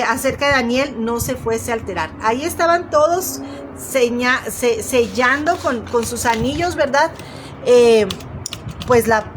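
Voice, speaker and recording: In a high voice, a woman preaches a sermon, retelling the story and speaking directly to her listeners. She frequently stops and starts her phrases over. A faint hiss runs beneath her voice.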